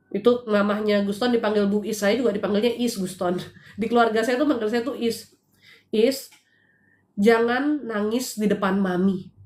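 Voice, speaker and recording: A middle-aged Indonesian woman hosts a live spiritual consultation show from home, telling a heartfelt personal testimony in a lively storytelling style full of rhetorical questions. Her voice is medium-pitched, and the room is echoey.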